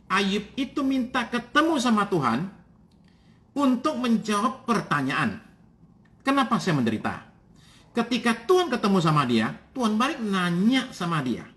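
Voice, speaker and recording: A man's voice: high-pitched, very animated, normal speed, fairly bright tone. A male pastor preaching a sermon in a casual, storytelling way, with frequent "ya" asides.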